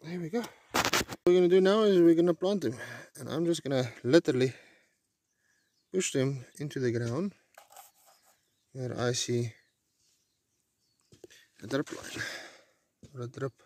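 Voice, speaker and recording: A man's voice: medium pitch, measured pace, long pauses, a little hiss or hum. A middle-aged man narrating casually as he works in an outdoor vegetable garden. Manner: relaxed, commenting while digging. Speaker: homestead vlogger.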